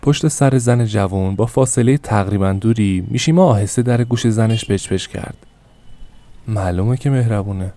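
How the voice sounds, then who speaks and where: A man narrating an audiobook podcast, telling the story in a calm, measured way. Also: lowish voice.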